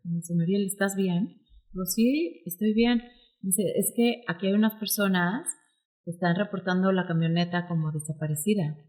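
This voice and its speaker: A woman in her forties with a Mexican Spanish accent, a guest telling her story in an interview, animated and acting out quoted dialogue. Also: lowish voice, fairly quick. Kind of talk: emotional personal storytelling interview.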